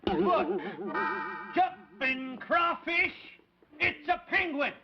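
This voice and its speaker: High-pitched, blustering folksy cranky fellow. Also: male voice, very animated, very slow, loud music behind the voice, full character voice. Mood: astonished. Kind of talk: 1950s children's television comedy acting. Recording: muffled, very noisy 1950s television recording.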